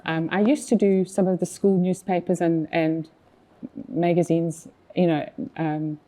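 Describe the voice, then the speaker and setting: Speaking unhurriedly in a fairly low, level, dark voice, this magazine publisher guest is a woman in her fifties from South Africa with a matching accent. The recording is rough, and her casual interview chat is full of fillers and restarts.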